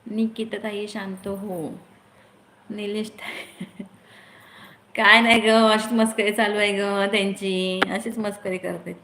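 A woman hosting a live stream on her phone, chatting along at a middling pitch. She reads out her viewers' comments and answers them with friendly advice. Her voice bounces around a roomy space, and a faint hiss sits underneath. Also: level tone, slow pace. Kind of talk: casual live-stream chat.

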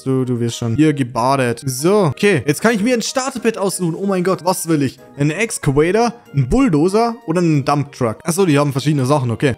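A young man giving chatty, excitable commentary while playing a game, often pleading with it for rewards. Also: on the high side. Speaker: gaming YouTuber. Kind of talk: casual let's-play commentary. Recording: faint music under the voice.

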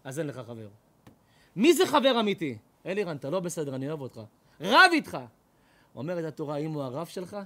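Animated high-voiced man preaching. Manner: animated, swings from shouting to low mocking tones. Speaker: rabbi. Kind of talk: lively sermon with acted quotes.

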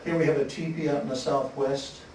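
Man giving a halting slide talk in an echoey hall. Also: medium pitch. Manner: relaxed, halting, frequent restarts and chuckles. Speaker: photographer presenting his work. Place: museum lecture hall. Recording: echoey hall, distant mic, faint hiss.

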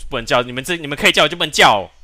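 Bright, high-strung Taiwanese streamer man. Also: expressive, rapid-fire, dry recording. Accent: Taiwanese Mandarin. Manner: nonstop cursing, yelling. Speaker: game streamer. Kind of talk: raging live-stream rant.

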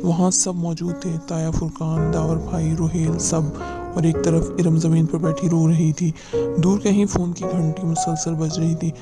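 A man giving a dramatic audiobook narration of a novel, with a measured storytelling delivery that slows for tense moments. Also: a little high, flat delivery. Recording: narration over loud background music.

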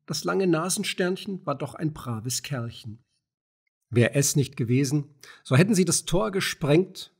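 A nervous, self-pitying gatekeeper, put on by a male audiobook reader speaks in rushed, sighing phrases. The voice is husky and sits rather high. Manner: fearful, hasty, sighing.

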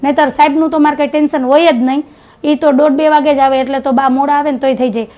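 A woman's voice: high-pitched, fairly even intonation, fast, mellow, lo-fi sound. A middle-aged woman, chatting casually in a home vlog, teasing and giving homespun advice. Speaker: family vlogger.

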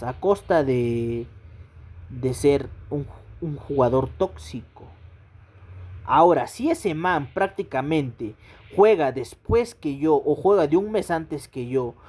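A woman, hosting a gaming channel and telling a casual, ranting story straight to her viewers, full of fillers and quick checks that they follow. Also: sits low, breathy edge. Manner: animated, addresses viewers directly with frequent fillers and rhetorical checks.

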